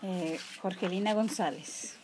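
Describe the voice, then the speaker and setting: Speaking a little slowly in a fairly low voice, this artisan weaver in her forties answers casual oral history questions in a plain, somewhat hesitant way. She is from rural Mendoza, Argentina, with the local rural accent, and the recording has clear background noise and clicks.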